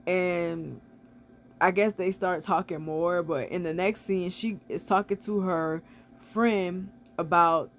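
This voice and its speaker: A casual vlogger recapping a movie in loose, rambling talk full of "like". The voice sits at a middle pitch and throws in blunt, opinionated remarks along the way. A faint hiss of noise runs under the recording. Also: steady tone, takes it slowly. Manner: chatty, filler-heavy retelling with frequent "like". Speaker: movie reviewer.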